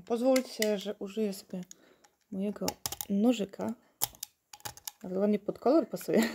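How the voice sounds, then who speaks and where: A woman's voice: mid-range voice, gravelly, dark tone, a little hiss or hum. A woman unboxing toys at home in casual chat, recorded on a tablet, often laughing and talking to her puppy. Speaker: unboxing vlogger.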